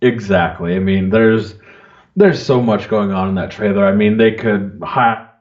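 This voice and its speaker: A man's voice: lowish voice, measured pace. Man on a choppy, cutting-out call line. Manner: excitable, rambling with fillers. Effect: voice cutting out over a bad online call connection. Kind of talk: casual gaming chat. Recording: dull lo-fi call audio from an old mic.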